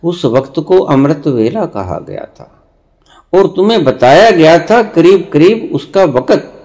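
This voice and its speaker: धीमे, ठहर-ठहर कर बोलते आध्यात्मिक गुरु. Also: male voice, fairly high pitch, sing-song, darkish tone. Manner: slow, deliberate, with long pauses and sudden emphatic rises; rebuking, lecturing the listeners directly. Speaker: spiritual teacher. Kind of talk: spiritual discourse.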